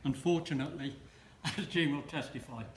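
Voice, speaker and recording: A man's voice: a little high, moderate pace. A man in his seventies gives a wedding speech, his slightly raised voice carrying a dry, self-mocking humour. His teasing asides ring through a roomy reception hall with faint background noise. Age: 70s. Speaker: wedding guest giving a speech.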